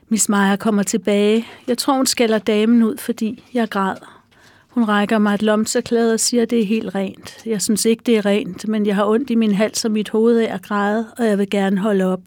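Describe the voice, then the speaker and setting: A woman author reading a passage from her own novel in a soft, measured way. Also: mid-range voice, level tone, no room sound.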